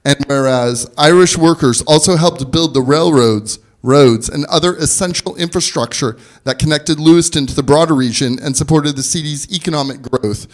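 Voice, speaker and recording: Higher-voiced man chairing a public meeting. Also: normal speed, few pauses. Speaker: mayor chairing a council meeting. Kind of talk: formal public address and proclamation reading. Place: council meeting room.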